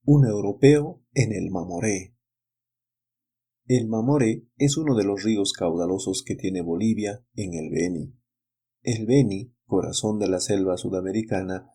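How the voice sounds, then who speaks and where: A man narrates folk tales in a measured, slightly dramatic reading. His voice is lowish, husky and mellow. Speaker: reader of legends and tales. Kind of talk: storybook narration.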